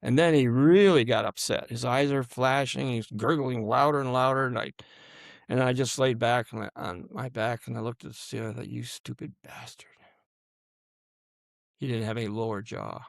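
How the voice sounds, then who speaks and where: Older man in his seventies, gravelly voice, halting storytelling, dry close sound. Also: medium pitch, dry recording. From United States. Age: 70s. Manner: halting, restarts often, drops to a near-murmur at grim moments. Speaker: guest, combat veteran. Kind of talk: personal storytelling in an interview.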